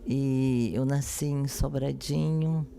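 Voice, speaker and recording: A woman pastor from Brasília, telling her life testimony slowly and earnestly in a podcast interview. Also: extremely low pitch, steady tone, vocal fry, warm tone. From Brasília, Brazil. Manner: slow, earnest, devout phrasing.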